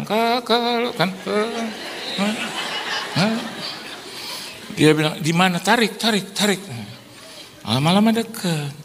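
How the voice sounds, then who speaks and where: A man preaching a humorous sermon, telling stories and acting out other people's voices, laughing often. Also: a little high. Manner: animated, acts out quoted voices, laughs often. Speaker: pastor. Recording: hall reverb with faint noise.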